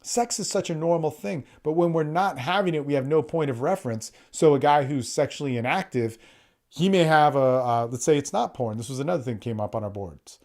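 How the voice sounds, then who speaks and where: This podcast host and coach has a fairly high, darkish voice and talks fairly quickly on his solo show. His delivery is blunt and full of profanity, with frequent word restarts and acted-out quotes.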